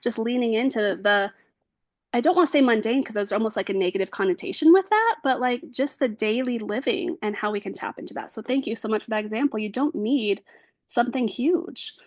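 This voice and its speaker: A woman's voice: fairly high pitch, fairly quick, dry recording. A woman giving an informal lecture to an audience, affirming and conversational, with frequent casual fillers. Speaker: lecturer and social worker. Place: bookstore event space.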